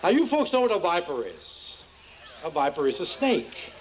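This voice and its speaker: With a slightly high voice that swings wildly in pitch, a man from Pennsylvania does folksy stand-up at an outdoor town festival in his Pennsylvania Dutch accent. He moves at normal speed, playfully engaging the crowd, over a low-quality recording with a bit of background noise.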